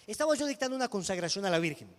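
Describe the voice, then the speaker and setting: Emphatic high-voiced male preacher in a hall. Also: animated, racing. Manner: emphatic, swings from loud declaiming to hushed storytelling. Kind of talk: sermon with personal testimony.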